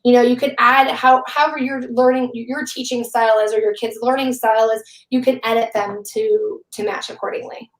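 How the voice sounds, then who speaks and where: A woman's voice: on the high side, fairly even intonation, fairly quick, few pauses, roomy sound, low-quality recording. A woman teacher chatting casually on a live webinar, rambling and filling her talk with "like". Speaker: teacher and guest.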